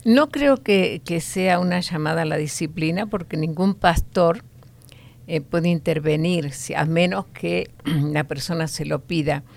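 Deep gravelly older woman. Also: a little mellow. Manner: measured, explanatory, many fillers. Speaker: host.

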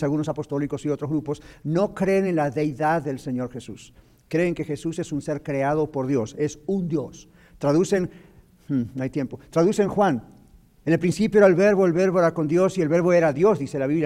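Mellow-voiced man teaching on radio. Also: fairly high pitch. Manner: explanatory, preacherly, mixes English words. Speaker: radio show host, doctor. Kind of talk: radio talk on Bible teaching.

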